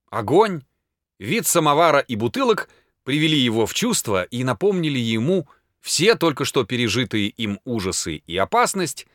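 A man narrating classic prose as an audiobook, with expressive, dramatic delivery. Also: mid-range voice, dry recording, clean studio sound.

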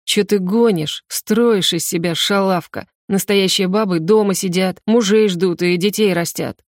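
A woman's voice: mid-range voice, a little slow, no echo, studio quality, close to an everyday voice. A woman reading the lines of a big, older bearded man who is crude and menacing.

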